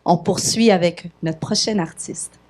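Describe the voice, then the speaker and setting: A woman hosting a festival event, introducing and interviewing an artist with enthusiastic, warm questions. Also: lowish voice, unhurried. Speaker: festival host.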